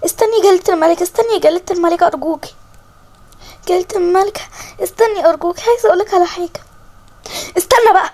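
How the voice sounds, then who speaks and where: A woman's voice: extremely high pitch, rapid-fire, dark tone, pitched above the performer's own voice. Woman doing a pleading young lost princess. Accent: Egyptian Arabic. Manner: pleading, hesitant. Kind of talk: voiced toy-game story.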